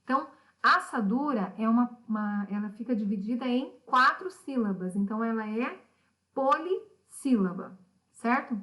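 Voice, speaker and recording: A middle-aged woman teaching a recorded lesson, patient and explanatory. Her voice sits a little high. She keeps asking her pupils questions as she goes. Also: animated, moderate pace, bright, forceful tone.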